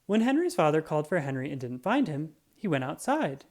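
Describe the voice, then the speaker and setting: With a mid-range voice, a storybook reader shares a children's story aloud, giving it an expressive and carefully deliberate telling.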